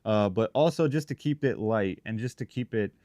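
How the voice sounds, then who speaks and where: A man's voice: on the low side, moderate pace, dark tone, dry recording, studio quality. A man hosting a live stream, talking informally and thinking aloud in rambling, broken phrases as he chats with viewers. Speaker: livestream host, paranormal investigator. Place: shop.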